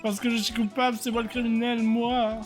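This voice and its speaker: A man voicing an anxious young man who keeps insisting he is guilty, in a high, pleading, dramatic voice while reading a video game aloud. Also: little pitch movement, a little fast, faint music behind. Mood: pleading guilt.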